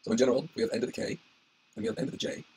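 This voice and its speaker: A man giving an informal tutorial as an instructor, with a husky, strained voice that is giving out. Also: rapid-fire, dark tone, slight background noise, rough recording. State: losing his voice, hoarse. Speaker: instructor explaining algorithm analysis.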